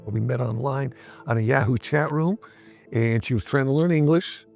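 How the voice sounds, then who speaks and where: A middle-aged man, a guest in an interview, recounting events in a measured way with frequent pauses and fillers. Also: mid-range voice, vocal fry, a little mellow, soft background music. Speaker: interview guest, Navy veteran. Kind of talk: interview storytelling.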